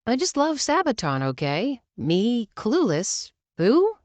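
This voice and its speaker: A woman's voice: lowish voice, expressive, moderate pace, no room sound. A woman narrating a Reddit story in the first person, with sarcastic asides. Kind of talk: reading a Reddit story aloud.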